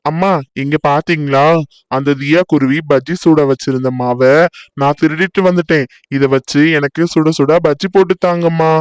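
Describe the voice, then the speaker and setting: A man's voice: on the high side, steady tone, normal speed, clean tone, no room sound, close to an everyday voice. A man doing a sly, greedy young crow. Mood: gleeful. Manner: sly, mocking. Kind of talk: cartoon voice acting.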